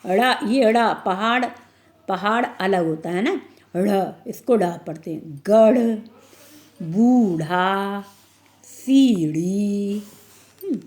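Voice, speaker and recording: A woman's voice: mid-range voice, expressive. A woman teaching an online phonics lesson to young children, reading words out one at a time and answering her own questions. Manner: slow, drawn-out word-by-word reading; asks questions and answers them herself. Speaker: primary school teacher.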